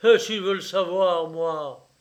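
A middle-aged land dealer bellows with fear and indignation, as a man reads him aloud. His voice jumps up higher and louder than the narration, blustering and frightened. It is slow and heavy in delivery. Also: animated, heavily acted. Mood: blustering anger. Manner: loud, blustering, indignant shouts.

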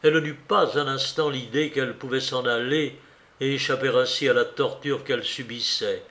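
A man narrating a dramatic storybook in a measured, unhurried reading. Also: mid-range voice, steady tone, sharp tone.

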